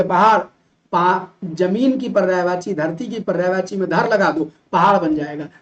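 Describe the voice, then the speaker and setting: A male teacher from Uttar Pradesh giving an animated classroom lecture, full of rhetorical questions and mock imitations of students. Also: sits high, dull audio. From Uttar Pradesh, India.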